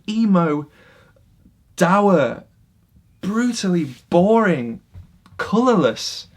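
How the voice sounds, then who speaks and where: Man, vlogger, impassioned rant to camera, slightly high-pitched voice, veers from loud to hushed. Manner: passionate, animated, swings between loud and quiet. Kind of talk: casual opinion rant to camera.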